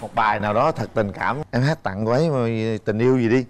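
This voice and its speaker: A man's voice: mid-range voice, fast. A man hosting a dating show in a chatty, teasing way. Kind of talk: lively game-show hosting.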